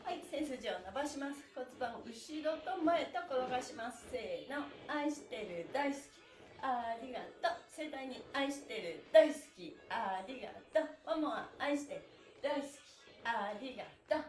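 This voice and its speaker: Her voice sits high with a slightly dark tone, animated and at a moderate pace, as the middle-aged instructor leads a livestreamed stretching class. Chirpy and encouraging, she mixes upbeat exercise directions with chat to her viewers, all in an echoey small room with bare walls and wooden floorboards.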